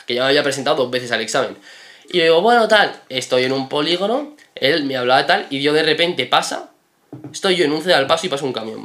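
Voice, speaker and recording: A young man, casually telling animated stories with lots of fillers and swearing. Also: mid-range voice. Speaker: podcast co-host. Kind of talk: casual storytelling.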